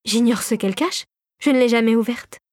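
A woman reading a storybook aloud and voicing an elderly male inventor, an uncle who speaks in a hushed, slightly lowered tone. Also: a little fast, no echo, clean studio sound, natural voice. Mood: puzzled.

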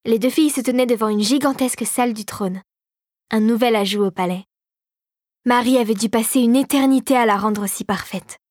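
A woman narrating a children's fairy-tale audiobook in an even, clear storytelling manner. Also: fairly high pitch, brisk, no room sound, clean studio sound.

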